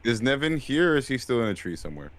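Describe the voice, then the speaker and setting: A man's voice: mid-range voice, sing-song, fast talker. A man playing a tabletop game, hesitant and stammering as he speaks in character. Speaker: player. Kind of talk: casual tabletop role-play.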